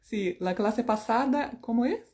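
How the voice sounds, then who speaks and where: A woman's voice: a little high, a little slow, a little mellow. A woman from teaching an English lesson in Spanish, playful and joking about herself. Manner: playful, sings snatches of songs and jokes about herself.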